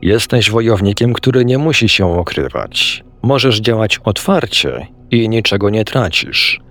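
A man reading the lines of a calm, wise old male sorcerer teacher, measured and gently amused. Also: lowish voice, faint music behind.

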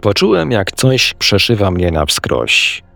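A man's voice: fairly low pitch, wildly swooping pitch, takes it slowly, gravelly, pushed and bright, dry recording, soft background music. A man narrating a first-person story in an earnest, reflective manner.

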